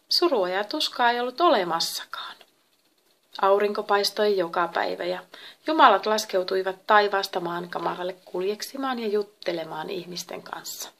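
A woman reading a myth aloud as a storyteller, in a slow delivery that drifts into breathy whispers. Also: medium pitch. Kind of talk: storybook narration.

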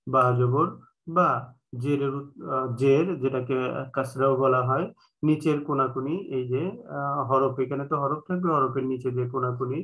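A man with a Bangladeshi Bengali accent, teaching an online class in a patient way, repeating each point slowly with many filler sounds. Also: mid-range voice, steady tone, a bit bright, poor audio. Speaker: Quran reading teacher. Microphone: online call.

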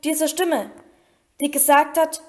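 A woman's voice: high voice, flat delivery, slow, voice pushed up. Anxious schoolboy, read by a woman, tense, urgent, storybook. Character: anxious twelve-year-old schoolboy.

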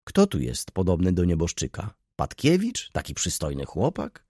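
A man's voice: low-pitched, wildly swooping pitch, normal speed, mellow, husky, no room sound, clean studio sound, heavily acted. A man doing a sly, mock-polite student. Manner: suave, mock-courteous.

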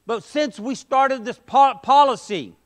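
A middle-aged male pastor preaching from the front of a mid-sized church. His voice sits unusually high for a man, and he presses his points with emphatic rhetorical questions. He speaks through a headset mic. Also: a little slow. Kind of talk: sermon. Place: church sanctuary, medium-sized, indoors.

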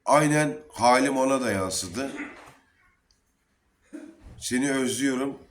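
A man speaks at a Sufi lodge gathering, recounting a deeply personal experience with earnest feeling. His voice sits at a middle pitch, and he acts out the dialogue as he tells it. A faint noise runs underneath. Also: slow. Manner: earnest, emotional storytelling with quoted dialogue. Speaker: Sufi disciple telling his story. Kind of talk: casual spoken testimony.

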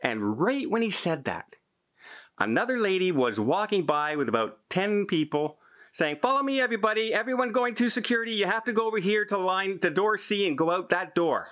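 A man's voice: high-pitched, lively intonation, a little fast, fairly bright tone. A man in his fifties from Canada, a travel vlogger telling an exasperated story straight to camera, gesturing as he retells an argument.

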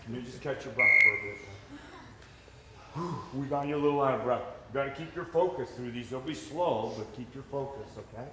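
A man's voice: mid-range voice, brisk. Upbeat man coaching a gym class. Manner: upbeat encouraging cues, laughs often. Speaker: fitness instructor. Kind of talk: coaching a live group class. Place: echoey gym with a group. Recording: echoey gym room, loud background noise.

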